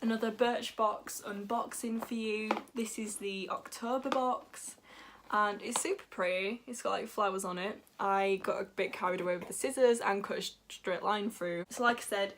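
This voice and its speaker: A teenage girl, chatting excitedly and giggling as she unboxes beauty samples for her vlog. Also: medium pitch, normal speed, a little hiss or hum. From England, North Yorkshire. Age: teens. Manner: bubbly, gushing, giggly. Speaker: beauty vlogger. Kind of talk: casual unboxing chat.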